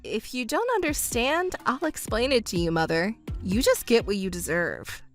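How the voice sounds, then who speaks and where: A woman voicing a composed young stepdaughter who speaks in a calm, cold, measured way. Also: fairly high pitch, faint music behind. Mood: stern. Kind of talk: narrated drama dub.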